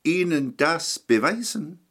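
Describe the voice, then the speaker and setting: A man's voice: on the high side, very animated, slow pace, fairly bright tone, voice pushed up, heavily acted. A man voicing a skeptical male customer who asks probing questions. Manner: doubtful, probing.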